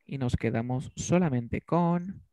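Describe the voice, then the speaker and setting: A man's voice: medium pitch, slow, dark tone, no echo. Dry-sounding male teacher quizzing students. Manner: quizzes students with repeated questions. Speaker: English teacher. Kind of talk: online class teaching. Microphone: video call.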